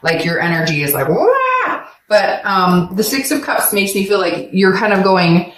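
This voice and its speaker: A woman's voice: fairly low pitch, normal speed, a bit bright, reverberant, a little hiss or hum, low-quality recording. A woman giving a casual tarot reading, talking animatedly and acting out voices in quotes, with a sore throat. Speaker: tarot reader.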